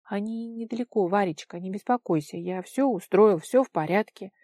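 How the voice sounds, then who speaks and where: A woman reader voicing a gentle, teasing young man in love, soft and soothing in manner. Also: medium pitch, moderate pace, no room sound, clean studio sound, lightly acted. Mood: tender.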